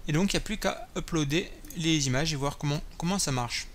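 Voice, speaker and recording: A man's voice: on the high side, fairly quick, fairly bright tone, a little hiss or hum. A man hosting a coding tutorial, thinking aloud while typing, with many fillers and self-corrections. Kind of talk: screen-recorded coding tutorial. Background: keyboard typing and clicks.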